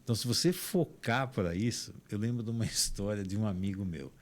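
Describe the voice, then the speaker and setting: A man's voice: lowish voice, a little fast. A man with a Brazilian Portuguese accent, a physician guest on a podcast, explaining ideas with everyday examples. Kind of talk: podcast conversation.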